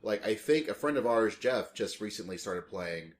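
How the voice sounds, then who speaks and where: A man's voice: fairly low pitch, animated, moderate pace. A man co-hosting a casual podcast, talking loosely with frequent restarts and fillers. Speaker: podcast co-host. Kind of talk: casual chat.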